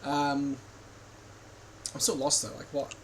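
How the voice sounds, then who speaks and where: A man's voice: medium pitch, completely flat delivery, slow pace, a little hiss or hum, poor audio. A man giving casual reaction commentary while watching a video, rambling with many fillers and restarts.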